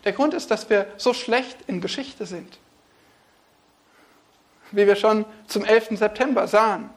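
Expressive man preaching a sermon. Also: high-pitched, a little slow. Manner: expressive, swings between hushed and emphatic.

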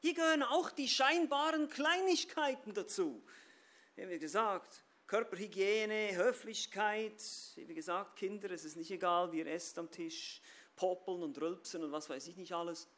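High-voiced man preaching with emphatic swings. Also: moderate pace. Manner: emphatic, swings between loud stress and low asides; addresses listeners directly. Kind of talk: sermon.

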